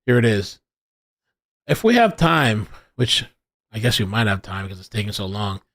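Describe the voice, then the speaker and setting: A man's voice: fairly low pitch, animated, normal speed, gravelly, fairly bright tone, no echo. A man hosting a casual live stream, thinking aloud with lots of restarts and reading viewer chat. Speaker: livestream host.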